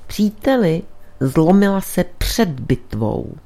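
A woman's voice: lowish voice, very animated, warm tone. A woman voicing a shrewd male priest detective who presses his point earnestly in a storybook reading. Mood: insistent.

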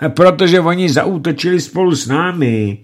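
A man voicing an arrogant, furious older male leader, loud and scornful. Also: on the high side, lively intonation, voice pushed up, lightly acted. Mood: angry scorn.

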